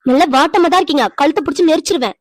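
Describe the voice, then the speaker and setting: A woman voicing a fiery, fast-talking cartoon wife. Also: high voice, no echo, studio quality, lightly acted. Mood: scolding. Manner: scolding, demanding. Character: fiery young wife, quick-tempered and teasable. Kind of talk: cartoon voice acting.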